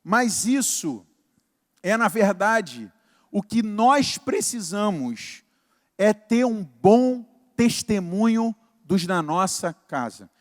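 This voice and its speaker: A man preaching as pastor, telling stories with animated energy. His voice sits high for a man, and a long hall reverb follows each phrase. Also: slow pace. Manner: animated storyteller. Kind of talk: sermon.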